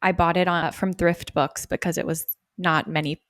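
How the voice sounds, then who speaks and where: A woman's voice: on the low side, level tone, normal speed, no room sound, studio quality. A young woman co-hosting a podcast, chatting casually, laughing often and filling her talk with "like". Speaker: podcast co-host. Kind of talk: casual chat.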